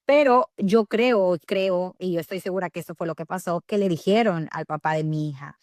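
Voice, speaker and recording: A young Salvadoran woman with a Salvadoran accent recounts her life as a podcast guest. She speaks candidly and animatedly, pausing on fillers and restarting her sentences. The sound is dry and close. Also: fairly low pitch, no room sound. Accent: Salvadoran Spanish. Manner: candid, animated storytelling with frequent fillers and self-corrections. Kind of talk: personal storytelling in an interview.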